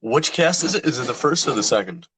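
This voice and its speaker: A young man co-hosting a casual podcast chat, excitable and animated, with a husky voice. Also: medium pitch, fast talker, low-quality recording. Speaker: podcast co-host.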